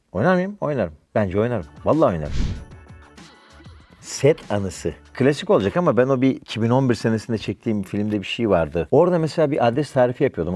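Brief: middle-aged actor, chatty storyteller, low-pitched, rapid delivery. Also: male voice, warm tone, no echo. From Istanbul, Turkey. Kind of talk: casual interview answers.

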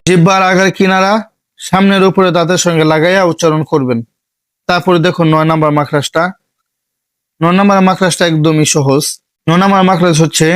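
A man from Bangladesh teaching an online Quran recitation lesson, patiently repeating each step slowly. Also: on the high side, smooth, dry recording.

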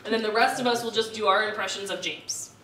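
A woman's voice: mid-range voice, steady tone, fast talker, recorded from a distance, background noise. A woman casually coordinating a group, laughing often and talking with many fillers. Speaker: challenge organizer. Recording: roomy echo, voice from off mic.

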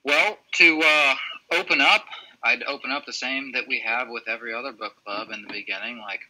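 A man's voice: mid-range voice, brisk, bright, forceful tone, poor audio. A man leading a casual book club discussion on a video call, asking follow-up questions.

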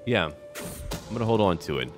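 An animated man whose voice sits low hosts a gaming video, speaking at a moderate pace with music playing behind him. He narrates a strategy game roleplay theatrically and in character, blending scripted storytelling with commentary on the game.

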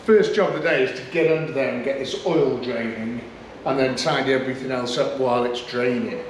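A classic car restoration vlogger with a medium-pitched voice works on an old car in a garage or barn workshop, chatting relaxedly and fairly quickly to the camera and to himself. The room is echoey and the background noisy.

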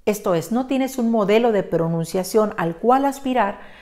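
A woman's voice: mid-range voice, expressive, dark tone. Methodical woman teacher. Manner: methodical, spells out each step deliberately. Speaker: Spanish spelling teacher. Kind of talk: instructional lesson narration.

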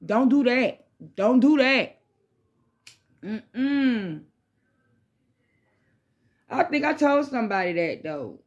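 A woman with a fairly high voice chats to her phone in a bedroom. She rambles like a stoner at a smoke session, loose and slangy. She swears freely and repeats herself as she drifts along. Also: expressive, slow, pauses often, dull audio. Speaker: vlogger hosting a smoke session. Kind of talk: casual rambling chat to camera. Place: small bedroom, indoors. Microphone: phone propped at arm's length or a little further.

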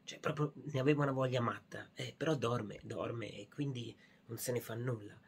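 A man doing a playful puppet show for a baby, talking softly in a hushed, coaxing way. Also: mid-range voice, fairly even intonation, moderate pace, gravelly, slightly rough.

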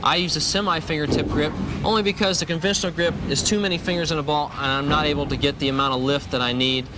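Speaking quickly in a fairly high, steady voice, a pro bowler in his thirties demonstrates grips and shoes and repeats what matters most. The clip comes from an indoor bowling alley, recorded with a lapel mic amid noise.

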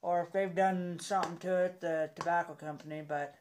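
A young man giving a casual, rambling review in a halting, unimpressed way, talking with a lip packed full of dip. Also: fairly high pitch, fairly even intonation, darkish tone, a little hiss or hum. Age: young adult. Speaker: product reviewer. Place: indoors in a home room.

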